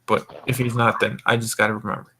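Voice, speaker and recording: The recording is rough as a young man from the American Mountain Time zone hosts a casual group voice call, tipsy and rambling, swearing and stumbling over words. His medium-pitched voice is flat, quick, creaky, pushed and bright with a breathy edge.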